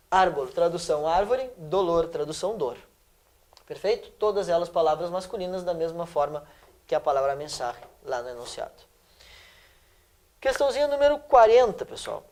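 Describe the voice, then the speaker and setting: A male teacher from Brazil, walking students through exam questions in a lesson and checking in with them often. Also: high-pitched. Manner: lively, checks in with "tá?" and "perfeito?".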